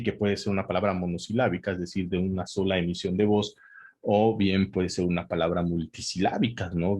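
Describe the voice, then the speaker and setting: A man's voice: on the low side, a little mellow, breathy edge. A man teaching a spelling lesson, talking it through with fillers and checks like "¿sale?". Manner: hesitant, many fillers and restarts, checks in with "¿sale?". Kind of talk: spelling lesson, spontaneous explanation.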